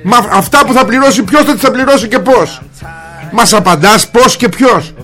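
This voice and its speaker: High-voiced man ranting on political talk radio. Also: sharp tone, faint music behind. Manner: mocking, combative rant with rising indignation. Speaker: radio show host. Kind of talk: political commentary monologue.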